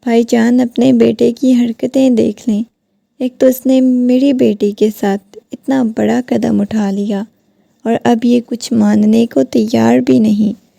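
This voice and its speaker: A woman voicing a furious middle-aged father who scolds sternly, in a creaky voice. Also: fairly high pitch, level tone, dark tone, no echo.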